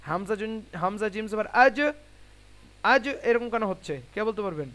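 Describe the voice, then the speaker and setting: A man teaching Quran recitation in an online class, spelling out syllables slowly and asking students questions. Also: high voice, a bit bright, clear, resonant tone. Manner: patient, asks students questions.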